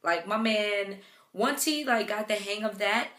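A young mother talks to the camera in a loose, chatty way, full of "like" and "um", retelling little moments with animation. Her voice is bright and forward. The room around her gives a noticeable echo. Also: medium pitch, unhurried. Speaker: vlogger, mother. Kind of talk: casual chat to camera. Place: home room with her baby beside her. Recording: echoey room.

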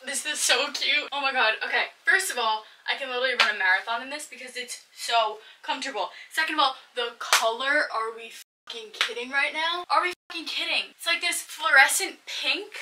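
Woman in her twenties, high bright voice, gushing casual chat, slightly distant bedroom recording. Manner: gushing, sweary, emphatic. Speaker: vlogger. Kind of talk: casual chatty clothing haul. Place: small bedroom. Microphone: camera across the room. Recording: distant mic, faint background noise.

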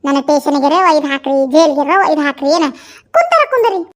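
A woman's voice: high-pitched, sing-song, fast. A woman with a North Karnataka accent performing a village comedy skit, pleading dramatically between laughs and sobs. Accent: North Karnataka Kannada.

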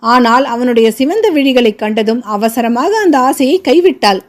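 A woman storyteller reading a novel aloud in a steady, expressive way. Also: on the high side, moderate pace. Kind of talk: scripted novel narration.

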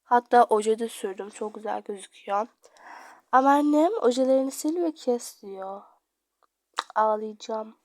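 A young woman with a slightly high voice talks casually over her gameplay. She is chatty and dramatic. She slips between low murmurs and sudden loud outbursts. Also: normal speed, no room sound. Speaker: gaming video creator.

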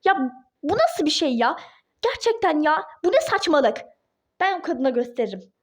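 A woman's voice: high voice, sing-song, normal speed. A woman voicing a furious, indignant young wife in a toy-game role-play drama, speaking in exclaiming outbursts. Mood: outraged.

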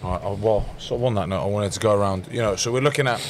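A man's voice: lowish voice, very fast, slight background noise. A young man hosting a podcast, asking rambling questions with many restarts. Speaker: podcast host, rugby player. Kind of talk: casual interviewing.

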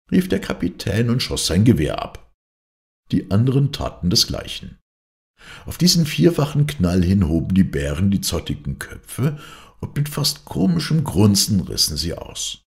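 Deep gravelly male audiobook narrator. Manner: lively storytelling, voicing each character's quoted lines. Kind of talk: scripted narration of a classic novel.

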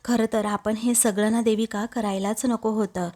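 A woman voicing a young husband who calmly owns up to a family scheme, in a serial recap. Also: a little high, moderate pace, natural voice. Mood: remorseful. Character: remorseful young husband owning up.

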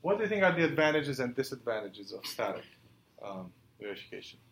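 A man giving a university lecture, halting with many fillers and putting questions to the class. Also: medium pitch, big pitch swings, fairly bright tone, a little hiss or hum. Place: lecture hall. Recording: echoey lecture hall.

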